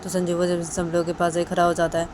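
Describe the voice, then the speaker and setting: Woman telling a story, kinda low voice, repeats herself a lot, noisy traffic behind. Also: monotone, fast talker. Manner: repetitive, plain narration. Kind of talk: storytelling narration. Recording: noisy background with passing vehicles.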